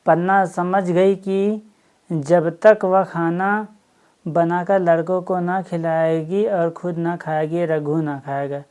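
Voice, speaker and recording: Slow, low-voiced woman explaining a story. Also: fairly even intonation, darkish tone. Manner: adds explanatory asides.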